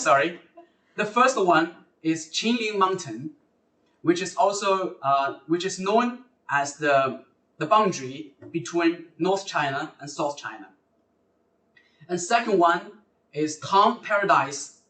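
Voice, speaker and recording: A man's voice: high-pitched, bright, forceful tone. A man hosting a live university recruitment lecture, speaking hesitantly with fillers and self-corrections. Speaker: host. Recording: roomy sound from far off the mic.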